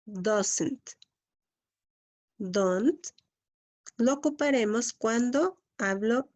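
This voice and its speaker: Woman, English teacher, patient lesson, repeats key words, slow delivery. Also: medium pitch, darkish tone.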